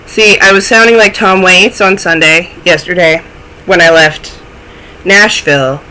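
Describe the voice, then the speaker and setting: A young woman talks casually to camera for the knitting podcast she hosts from a small room in her home, sounding stuffy and snuffly and teasing herself as she goes. Her voice sits on the low side, bright and forceful, and she speaks a little slowly. The recording quality is low.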